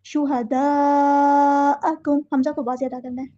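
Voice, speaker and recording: A woman teaching Quran recitation rules, explaining each word and then reciting it slowly and drawn out. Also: sits high, steady tone, warm tone, highs cut off, faint music behind. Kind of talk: tajweed lesson.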